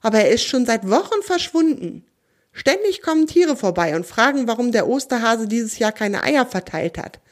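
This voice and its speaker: A woman's voice: a little high, sing-song, moderate pace. A woman voicing a small, cheeky female field mouse with a playful, teasing way of talking. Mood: explaining.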